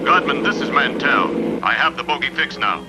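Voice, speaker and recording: An actor playing a fighter pilot captain who talks over a two-way radio in clipped radio procedure. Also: male voice, medium pitch, expressive, moderate pace, very noisy. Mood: terse. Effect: transmitted over a two-way radio. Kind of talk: dramatized documentary reenactment. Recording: dull lo-fi sound under loud music.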